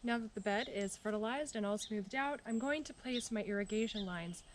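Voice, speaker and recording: A woman's voice: mid-range voice, moderate pace. Casual woman hosting a garden how-to. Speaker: host of a gardening tutorial. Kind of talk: casual how-to vlog talk. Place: outdoors in a garden. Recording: faint outdoor background noise.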